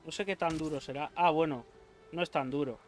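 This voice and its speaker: A young man, doing let's play commentary, excitable and swearing often, yelping when attacked. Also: on the high side, fairly quick, soft background music. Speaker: gaming YouTuber.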